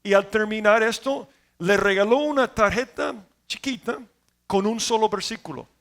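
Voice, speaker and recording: A man preaching a sermon as pastor, telling stories and swinging between loud emphasis and quiet asides. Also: high-pitched, normal speed.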